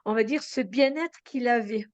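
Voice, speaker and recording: A woman's voice: on the high side, no echo, dull audio. Earnest woman telling her story, dry close sound. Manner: earnest, halting with fillers and restarts. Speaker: medium, interview guest. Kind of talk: conversational storytelling.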